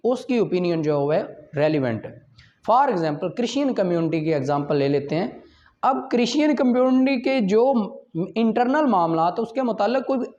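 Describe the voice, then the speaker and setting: A man with a high, slightly mellow voice and a Pakistani accent lectures on law as if in a classroom, going point by point and mixing in English terms. He switches between English and Urdu and checks in with short questions, captured in dull, lo-fi audio.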